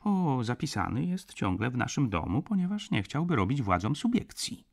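A man's voice: mid-range voice, big pitch swings, moderate pace, gravelly, pitched above the performer's own voice. A man reading an audiobook, voicing a smug young male student who speaks with sweet, mocking politeness. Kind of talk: audiobook character voice.

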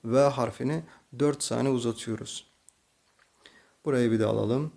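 A man with a Turkish accent teaching slow Quran reading, patiently explaining each letter and then reciting the words slowly and drawn out. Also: mid-range voice, fairly even intonation, vocal fry, dark tone. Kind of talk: slow tajweed reading lesson.

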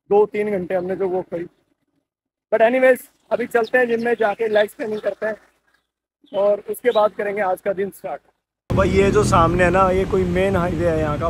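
A fitness vlogger with a high voice chats casually to camera in Hindi mixed with English, holding his phone at arm's length. He starts outdoors on busy streets and later moves inside a gym, with traffic and street and gym noise all around.

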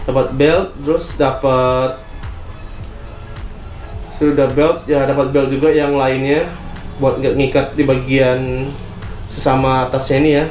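A man's voice: medium pitch, a little mellow. Young guy w unboxing camping gear, chatty, lots of fillers, echoey little room. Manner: chatty, many fillers and tag questions. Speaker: vlogger reviewing gear. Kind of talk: casual product unboxing. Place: small indoor room full of gear. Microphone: camera on tripod, seated. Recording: echoey room with faint music.

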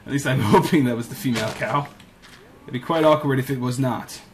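His voice is mid-range and his pace moderate as he casually narrates a video game, muttering to himself and coaxing animals in it. A little hiss or hum sits under the recording.

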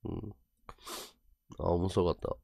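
A man casually chatting with his viewers on a livestream, with rough slangy talk that swings between excited bursts and low mumbled asides. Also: slow pace, dry recording, clean studio sound. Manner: rough slangy talk, repeats words for emphasis. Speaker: live streamer.

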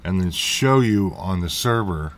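A man's voice: sits low, lively intonation, a little slow. A man hosting a casual computer tutorial, rambling and correcting himself with jokey asides. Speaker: tech tutorial host. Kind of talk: casual screen-recorded tutorial.

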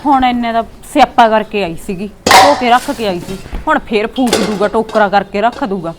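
An actress playing a resentful, sharp-tongued young wife who nags and mutters bitterly, with a Malwa Punjabi accent, in a Punjabi short drama. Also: female voice, on the high side, moderate pace, very noisy, close to an everyday voice. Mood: muttering. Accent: Punjabi, Malwa region. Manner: nagging, bitter complaints, scornful asides muttered to herself.

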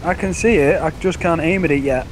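Gamer with a raised pitch, giving orders. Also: male voice, fairly quick, a little hiss or hum. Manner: dry, bossy callouts. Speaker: gunner in online game. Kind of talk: casual gaming chatter.

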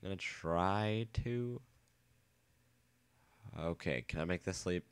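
A man's voice: deep voice, takes it slowly, clear, resonant tone, no echo. A man giving casual, rambling commentary while playing a game, nasal from a cold, joking and swearing freely. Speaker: let's play host.

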